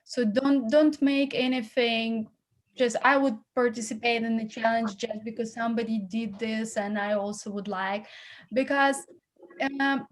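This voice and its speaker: This woman, acting as host and acting coach, offers relaxed, supportive feedback over a video call, leaning on fillers and repetition. Her pitch is fairly high, and the recording quality is low.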